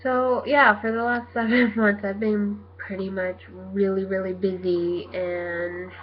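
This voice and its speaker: Slow-talking young woman vlogger. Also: medium pitch, muffled recording. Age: 20s. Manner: chatty, animated retelling with quoted dialogue. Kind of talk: casual storytelling to camera.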